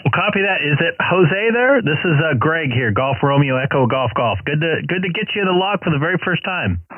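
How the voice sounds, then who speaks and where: A man's voice: on the high side, brisk, no echo. A man running a ham radio call from his home shack, reading call signs in phonetics and chatting between contacts. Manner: steady call-sign phonetics, relaxed chat between calls. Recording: tinny narrow radio sound, dry.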